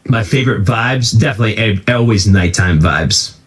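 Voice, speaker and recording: A man's voice: fairly low pitch, normal speed, breathy edge. Laid-back young-sounding male interviewer. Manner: laid-back, filler-heavy, laughs often. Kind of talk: casual interview chat.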